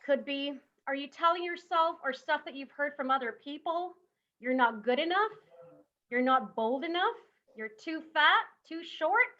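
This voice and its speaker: A woman in her thirties delivers a motivational talk in a high, bright voice. She leans on emphatic rhetorical questions. The audio sounds a little dull and lo-fi. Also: lively intonation, moderate pace. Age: 30s. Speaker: summit speaker.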